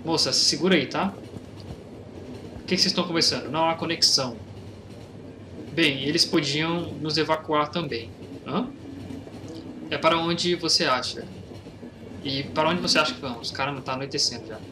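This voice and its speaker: A young Brazilian man commenting casually on a game he plays, reading its lines aloud and shouting in fights. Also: a little high, normal speed, pauses often. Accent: Brazilian Portuguese. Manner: casual slangy, reads game dialogue aloud, excitable during fights. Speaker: gameplay youtuber. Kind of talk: let's play commentary. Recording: game noise behind voice. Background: train and game sounds.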